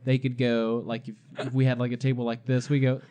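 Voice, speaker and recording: A man's voice: mid-range voice, level tone, fairly quick, warm tone, clean tone. A young man co-hosting a casual gaming podcast, rambling through his explanations with many fillers. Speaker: podcast co-host. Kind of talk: casual chat.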